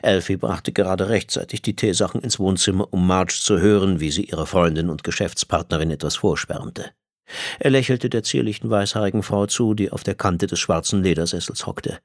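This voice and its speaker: A man reading an audiobook in measured, expressive scripted narration. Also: low voice.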